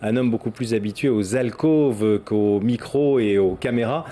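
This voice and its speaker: A man presenting the news as a studio anchor, speaking in a measured way with pauses and fillers. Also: fairly low pitch, mellow.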